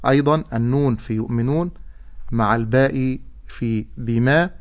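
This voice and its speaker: A man teaching Quran recitation, explaining rules and then reciting example words slowly and drawn out. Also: medium pitch. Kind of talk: tajweed lesson with recited examples.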